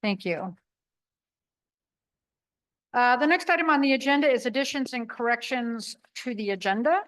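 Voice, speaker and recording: Brisk, businesslike woman chairing, fairly high voice. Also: expressive, a bit bright. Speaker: mayor chairing a council meeting. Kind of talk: formal meeting facilitation.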